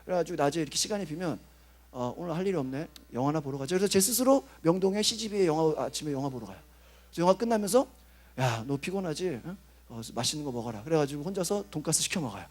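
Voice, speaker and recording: A man, a pastor, preaching at a youth rally in a lively, conversational way, acting out inner voices and checking in with listeners. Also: sits high. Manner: animated, acts out inner voices and asks the audience "어?".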